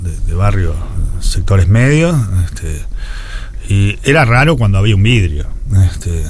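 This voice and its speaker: Speaking unhurriedly with a fairly low voice and big pitch swings, a man in his forties from Montevideo explains things as an interview guest working as an education official. He has a Uruguayan accent and often repeats words while finding his phrasing. A little hiss or hum is audible.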